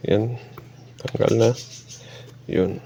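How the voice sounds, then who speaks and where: Narrating a repair tutorial as he works, a Filipino technician speaks casually and haltingly, switching between Tagalog and English technical terms. His fairly low voice is steady, creaky, and dark, and the dull lo-fi recording has faint noise in the background.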